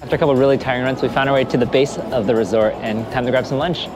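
Speaking rapid-fire in a medium-pitched voice, this young travel vlogger chats casually to the action camera he holds at arm's length. The setting shifts between outdoor ski slopes and a gondola, and music plays behind him.

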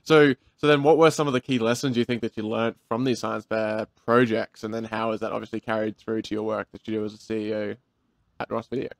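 A man's voice: fairly low pitch, flat delivery, fairly quick, creaky, no room sound. Young male podcast host from Australia, eager and casual, dry close mic. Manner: enthusiastic, uses 'like' often. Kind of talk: casual interview.

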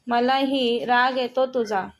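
A woman's voice: fairly high pitch, fairly even intonation. A woman voicing a young sister-in-law who scolds firmly but with care. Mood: scolding. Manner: scolding, brisk and firm.

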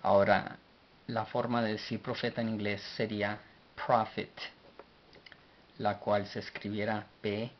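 Man, low voice, very slow, deliberate letter-by-letter teaching; dull lo-fi recording with faint hiss. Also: little pitch movement. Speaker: language teacher. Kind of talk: slow spelled-out language lesson.

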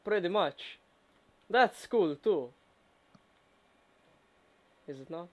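A man's voice: high voice, expressive, extremely slow, highs cut off. A young man chatting casually and teasing his friend while they play a co-op game. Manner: teasing, joking. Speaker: gamer. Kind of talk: casual co-op gameplay chat.

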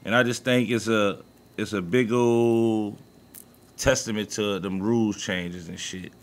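A man's voice: fairly low pitch, fairly even intonation, measured pace. A man with a New Orleans accent co-hosting a podcast, talking sports in a loose, profane, emphatic way. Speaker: podcast co-host. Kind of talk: casual sports talk.

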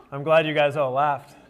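A motorcycle riding coach in his thirties lectures on cornering in a conference room, lively and joking as he gestures at a whiteboard before a group at tables. His voice sits on the high side. The audio comes from a camera at the back, with no visible microphone.

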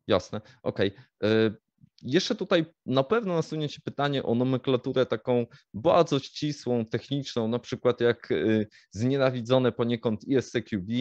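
A man co-hosting a vlog, asking measured follow-up questions in a casual talk. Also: mid-range voice, a little mellow, no echo, highs cut off. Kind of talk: casual conversational Q&A.

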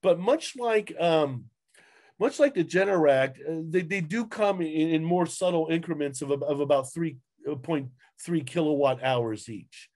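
Over a webcam on a video call, a man with a higher, animated, somewhat dark voice presents a webinar. He works through his slides haltingly, full of fillers and restarts.

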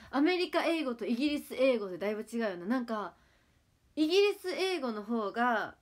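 A woman in her twenties speaking with a Kagawa dialect, chatting casually with viewers on a livestream. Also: on the high side. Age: 20s. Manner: relaxed, chatty, answers viewer comments. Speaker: idol livestream host. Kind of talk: casual livestream chat reading comments.

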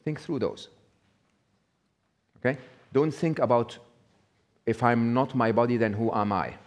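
A middle-aged man with a mid-range voice gives a live talk at a measured pace in a small indoor venue with a brick wall. He keeps it conversational, often checking in with the audience with an "okay?".

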